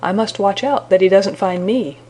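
A woman's voice: medium pitch, moderate pace, dark tone, slightly rough, natural voice. A woman playing a wary mischievous rabbit.

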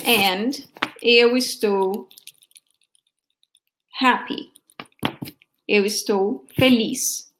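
Slight background noise sits under the voice of a woman teaching Portuguese, her tone fairly bright and pitched on the high side. Originally from Brazil, she speaks with a Brazilian Portuguese accent and walks students through a sample lesson with patience, explaining slowly and asking "okay?" often.

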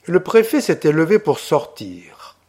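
Male audiobook reader, classic novel, measured delivery, slightly high pitch. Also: very animated, a little mellow, husky. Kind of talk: scripted narration of a classic novel.

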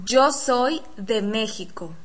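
A woman teaching a pronunciation lesson, saying model sentences slowly and carefully so they can be repeated. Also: fairly high pitch, lively intonation. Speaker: language teacher. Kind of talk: slow, clearly articulated pronunciation drill.

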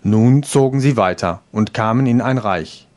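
A man reading a classic fairy tale aloud in a steady, even storytelling manner. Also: medium pitch, unhurried. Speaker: reader.

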